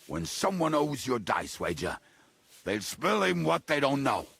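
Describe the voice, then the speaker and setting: An actor playing a bitter, gruff henchman in a video game, heavily drunk, with a gravelly voice. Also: medium pitch, sing-song, measured pace, fairly bright tone, no room sound, exaggerated voice. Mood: grim. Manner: blackout drunk, slack drunken speech. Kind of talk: video game dialogue acting.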